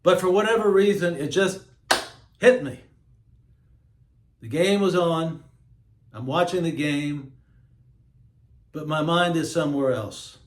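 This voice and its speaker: A man hosting his own show, talking in a slow, emphatic, preachy monologue. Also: a little high, reverberant, slight background noise. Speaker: host. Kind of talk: monologue to camera.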